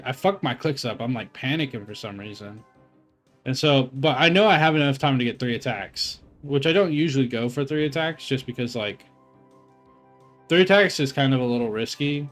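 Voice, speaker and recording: A man's voice: mid-range voice, moderate pace, faint music behind. A young man casually commenting on his own gameplay footage, rambling and cursing, with lots of filler words, self-corrections and a slightly phlegmy throat. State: phlegmy, clearing his throat while eating. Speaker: gamer reviewing his own raid footage.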